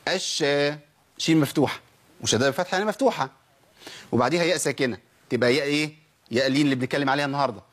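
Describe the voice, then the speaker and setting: A man's voice: medium pitch, fairly bright tone. A man with an Egyptian Arabic accent teaching a tajweed lesson, stretching and repeating sounds and answering his own questions. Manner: drills sounds slowly, asks and answers himself. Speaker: Quran recitation teacher.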